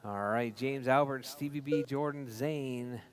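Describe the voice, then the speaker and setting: A man's voice: mid-range voice, measured pace, clear, resonant tone. A man working as a race announcer, giving informal live commentary and repeatedly calling out drivers and positions. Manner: informal, repetitive calls to drivers.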